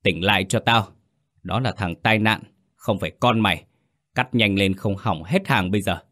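A vicious gangster boss from a spoken horror story, voiced by a man. He barks his orders harshly, in a low, deep voice. He is threatening and impatient. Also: normal speed, a bit bright.

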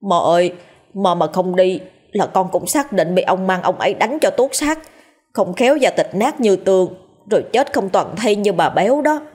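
Timid young village man, whiny and pleading, slightly husky, voiced by a woman. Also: on the low side, lively intonation, moderate pace, darkish tone.

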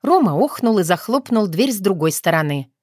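A woman reading a novel aloud as audiobook narrator, measured and unhurried. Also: mid-range voice, big pitch swings, a little mellow, no room sound, studio quality. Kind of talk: scripted narration.

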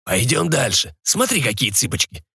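A man voicing the lecherous ghost of a male pirate who whispers hoarsely and schemes. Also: medium pitch, very animated, normal speed, pushed and bright, no echo, studio quality, exaggerated voice. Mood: coaxing.

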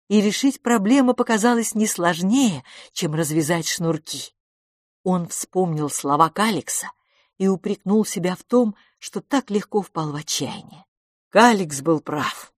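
A woman reading a storybook aloud, in a measured, expressive narration. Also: lowish voice, dry recording, clean studio sound. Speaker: audiobook narrator.

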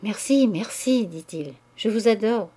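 A woman reading the lines of a passionate young man who pleads his love in hushed, ardent words. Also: medium pitch, lively intonation, a little slow, slightly rough. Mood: ardent pleading.

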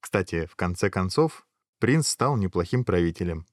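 A man reading a fairy tale aloud as storyteller, gentle and even. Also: low voice, normal speed, no room sound, studio quality.

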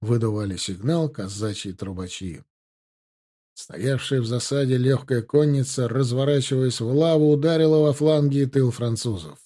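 Mellow male audiobook narrator. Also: medium pitch, normal speed.

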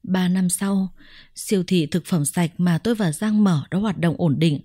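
A woman narrates a first-person story in a measured, reflective way. Her voice sits on the low side and sounds mellow. The recording is close and dry, with no room sound. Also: dry recording.

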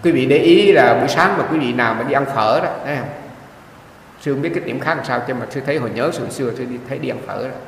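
A monk, giving a dharma talk in lively storytelling. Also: male voice, mid-range voice, fast, creaky, a little hiss or hum. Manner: lively storytelling, acting out quoted voices. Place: meditation hall. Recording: echoey hall from a distance.

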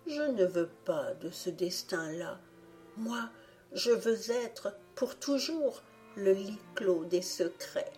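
A shy old box bed murmurs its secrets in a small, hushed half-whisper, as a woman reader puts it on. The pace is slow and the tone mellow. Faint music sits behind the voice. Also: mid-range voice, expressive. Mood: secretive.

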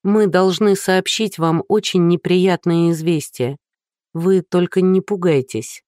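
A storyteller voicing a woman police captain, calm and delicate in tone but firm, in a plain, even voice. The audiobook narration is dry and close. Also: fairly low pitch, measured pace, no room sound, close to an everyday voice. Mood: steady. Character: brisk, tactful female police captain.

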